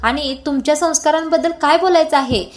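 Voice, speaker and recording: A woman voicing a sly young troublemaker who taunts and stirs conflict, in a high voice. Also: brisk, lightly acted. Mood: taunting.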